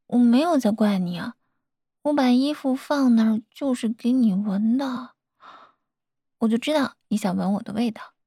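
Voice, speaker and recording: A woman's voice: a little high, dark tone, slightly rough, no echo, studio quality. A young woman in a girlfriend role-play, talking tenderly, coaxing and teasing a partner.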